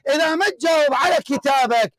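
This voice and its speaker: Shouting high-voiced debate host. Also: male voice, quick pace, crowd noise. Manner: confrontational, repeats demands, often shouts. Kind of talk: heated religious debate.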